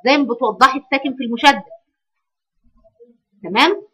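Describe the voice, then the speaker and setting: A woman with an Egyptian accent leads a recitation lesson in a fairly high, bright and forceful voice. She corrects her pupils and stretches the phrases out slowly to show how they should sound. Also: breathy edge, low-quality recording. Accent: Egyptian Arabic. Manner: corrective, models phrases in slow drawn-out recitation. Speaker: Quran recitation teacher. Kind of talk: online tajweed lesson.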